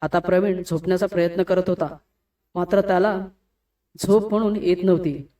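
A woman's voice: lowish voice, steady tone, normal speed, warm tone, far from the mic. A woman reading a scripted horror story aloud, speaking every character's lines in her own voice. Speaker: narrator.

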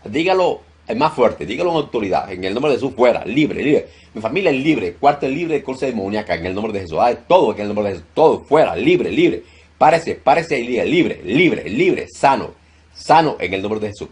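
A male pastor leading a deliverance prayer, loudly commanding and rebuking in a forceful preaching style. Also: medium pitch, very animated, fairly quick, slightly rough.

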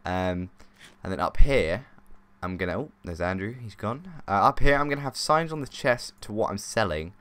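A man's voice: fairly low pitch, lively intonation, normal speed, hardly any pauses, fairly bright tone, smooth. A man hosting a let's play, giving chatty, easily sidetracked commentary as he plays. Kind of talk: casual gameplay commentary.

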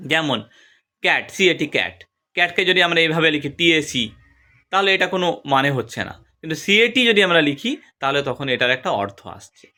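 A young man teaching a grammar lesson, spelling words out letter by letter and drawing syllables out slowly, asking questions and then answering them himself. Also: a little high, sing-song, sharp tone. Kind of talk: spoken classroom lesson.

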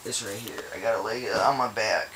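A very drunk man in casual chat, rambling and swearing in a gravelly voice. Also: lowish voice, fairly even intonation, a little fast, a loud crowd. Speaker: drunk friend being recorded. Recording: hissy, noisy home recording.

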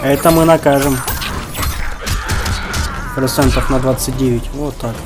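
A man's voice: mid-range voice, fairly even intonation, a little slow. A man giving casual gameplay commentary, muttering running remarks to his opponent as he plays. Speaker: gamer commentating own online matches. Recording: game music behind the voice. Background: fighting game music and sound.

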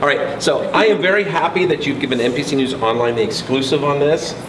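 A man's voice: a little high, quick pace, background noise. A middle-aged man hosting a casual interview in a gym, teasing and joking with his guest. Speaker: interviewer, host. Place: large indoor gym, in front of a logo wall. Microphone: far camera mic. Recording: echoey room, picked up from a distance, with clear ambience.

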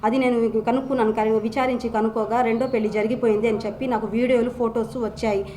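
Young woman with a Nellore Telugu accent, aggrieved press statement, high voice, rapid delivery. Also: fairly even intonation, dark tone. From Andhra Pradesh, India. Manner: urgent, aggrieved, many restarts and repeats. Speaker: wife speaking at a press meet.

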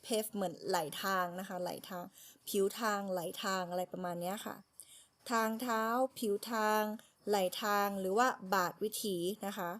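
Woman, phonics teacher, unhurried, patient, spells out letters, mid-range pitch. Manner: patient, spells letters one by one, repeats words slowly. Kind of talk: slow spelling and pronunciation lesson.

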